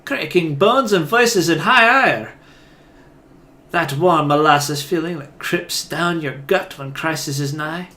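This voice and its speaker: A man voicing a fiery awakened soul, a woman, snarling and slow. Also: on the high side, sharp tone. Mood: brooding. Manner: snarling, drawn-out. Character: fiery awakened female soul, Scottish-tinged.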